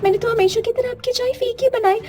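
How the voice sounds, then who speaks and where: A woman's voice: very high voice, fairly even intonation, a little fast, darkish tone. A woman voicing a meek young daughter-in-law in a cartoon story, who speaks politely and pleads. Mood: pleading.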